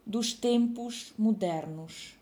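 A woman's voice: a little high, very slow, mellow. A woman reading a dictation, saying each phrase twice and calling out the punctuation. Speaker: dictation teacher.

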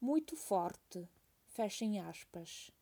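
A woman's voice: medium pitch, lively intonation, extremely slow, warm tone. A woman teacher reading a text aloud as a dictation, saying each phrase twice and calling out the punctuation.

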